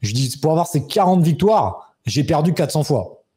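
A man in his thirties telling a personal story as an interview guest, animated and acting out quoted dialogue. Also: moderate pace. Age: 30s. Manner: animated, acts out quoted dialogue with raised pitch. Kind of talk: casual storytelling.

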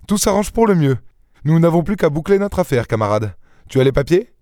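A man reading an audiobook and voicing a suave gentleman thief with an airy, teasing, self-assured manner. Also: medium pitch, normal speed, dry recording, clean studio sound, voice pushed up, lightly acted. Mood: courteous, pleased.

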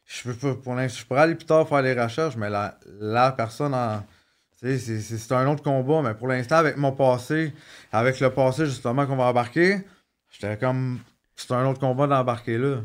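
At a moderate pace and mid-range pitch, a man in his thirties with a Quebec French accent tells personal stories as a podcast guest. It's casual, joking storytelling with frequent restarts and fillers.

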